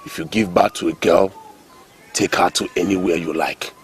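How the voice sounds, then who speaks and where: A man's voice: low-pitched, steady tone, normal speed, soft background music, lightly acted. A man with a Nigerian accent playing a stern, demanding king in a film drama, speaking in a commanding, declamatory way. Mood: stern, insistent. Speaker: actor.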